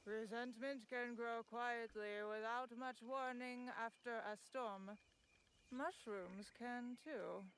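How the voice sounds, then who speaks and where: Sleepy game woman, woozy flat read, unhurried pace, bright edgy tone, put-on semi-japanese accent. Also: fairly high pitch. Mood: drowsy. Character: drowsy, listless woman in a video game. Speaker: game character. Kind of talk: game dialogue.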